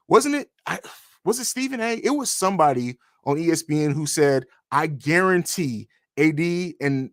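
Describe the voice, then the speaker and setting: A man's voice: on the high side, no room sound, clean studio sound. A man hosting a basketball podcast, talking casually and bluntly, rambling with restarts. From grew up in Germany on a US military base. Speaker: podcast host. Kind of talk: casual sports podcast talk, reading chat.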